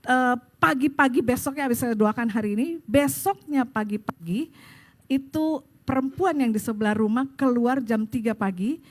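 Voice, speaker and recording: A woman's voice: on the high side, normal speed. A woman pastor preaching a sermon at a church service, telling stories and speaking straight to the congregation. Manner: animated storytelling, addresses the congregation directly.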